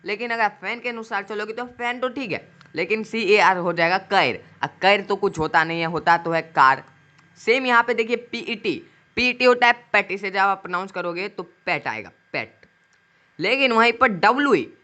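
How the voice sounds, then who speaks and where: A man's voice: sits high, expressive, normal speed, pushed and bright. A male teacher, giving an English pronunciation lesson. He asks a question about each key word and answers it himself. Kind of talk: classroom-style video lesson.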